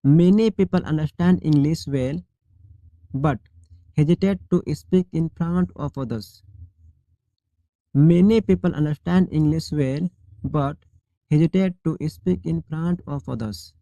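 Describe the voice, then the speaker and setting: Leading a shadowing exercise, this male English teacher says every model sentence slowly and with care, then clearly says it again. He sounds a little high with a dark tone; the audio is dull, without echo.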